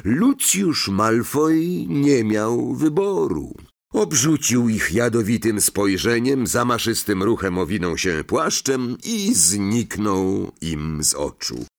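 A man reading an audiobook aloud as narrator, slow and dramatic. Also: lowish voice, big pitch swings, gravelly.

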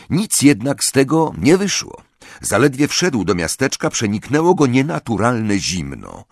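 A man reading an audiobook aloud with expressive storytelling. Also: deep voice, no room sound, studio quality. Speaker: narrator.

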